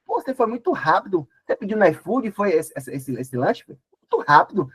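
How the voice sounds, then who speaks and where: A man's voice: sits high, very animated, brisk, a bit bright, husky, no echo, exaggerated voice. A man voicing the old, nearly blind Isaac, a father testing his son. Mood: suspicious. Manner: teasing and testing.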